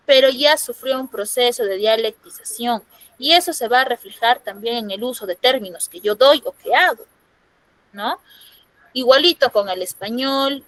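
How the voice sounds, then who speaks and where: A Peruvian woman with a Peruvian Spanish accent teaches an online class over a video call, picked up by a computer microphone. Her fairly high voice sounds close and dry, with no room around it, and the recording is rough. She explains patiently and keeps checking that her students follow with a frequent "¿no?".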